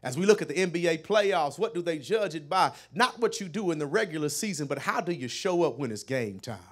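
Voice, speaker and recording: A middle-aged man preaching a sermon as a pastor, repeating words and building to shouted peaks that call the congregation to respond. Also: fairly high pitch, animated, brisk.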